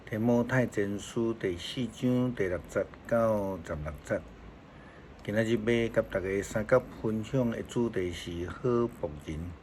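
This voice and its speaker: A male pastor with a Taiwanese Hokkien accent, giving a daily devotional sermon in a calm, measured storytelling way. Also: lowish voice, a little hiss or hum.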